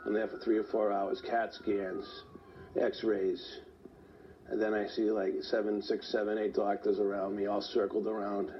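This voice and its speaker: A man in his 40s, out of breath, tells his own story in an interview, rambling and filling his speech with lots of "like." His voice sits on the low side with little pitch movement and a slightly slow pace. The recording has a dull lo-fi sound with faint hiss.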